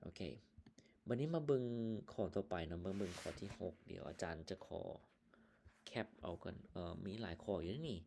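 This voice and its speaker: A male English teacher with a Lao accent, slowly explaining vocabulary and sample answers in a casual online lesson, with plenty of fillers. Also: low voice, animated, vocal fry, warm tone, slight background noise. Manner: slow, explaining words one by one with many fillers.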